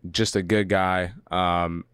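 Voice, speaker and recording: A man's voice: deep voice, little pitch movement, slow pace, fairly bright tone, clean tone, no echo, studio quality. A young man hosting a podcast in a casual, laid-back way, swearing freely and laughing easily. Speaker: podcast host.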